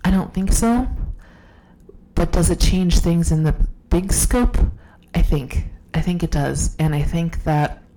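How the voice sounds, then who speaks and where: Deep-ish woman's voice, sick podcaster just winging it, jokey and rambly, recorded on her phone downstairs. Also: lively intonation, unhurried, warm tone, poor audio. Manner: rambling, self-deprecating, chatty. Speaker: podcast host. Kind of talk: unscripted casual monologue. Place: home, downstairs room.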